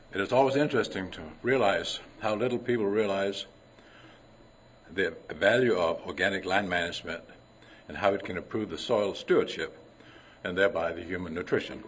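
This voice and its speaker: An older man from Denmark presents at a conference, pausing often to clear his throat between folksy asides. His voice sits fairly low. The recording is dull and lo-fi, with faint noise behind him. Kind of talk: conference talk with anecdotes.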